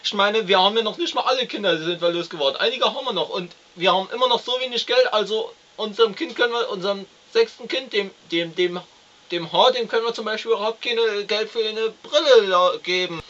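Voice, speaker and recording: Guy putting on whiny jobless young dad, high bright voice, stammers, comedy sketch, muffled. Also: fast talker. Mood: whining. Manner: stammering, complaining. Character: whiny, callous, lazy 25-year-old unemployed father.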